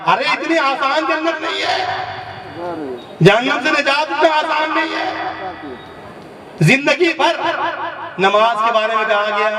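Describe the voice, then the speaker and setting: A man's voice: high voice, pushed and bright. A man preaching a sermon, impassioned and scolding, often chuckling between his points. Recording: echoey and distant from the mic.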